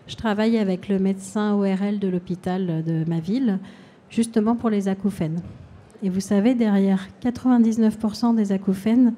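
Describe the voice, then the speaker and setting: A woman hypnotherapist giving a calm, explanatory public talk and answering audience questions at a fair. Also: medium pitch.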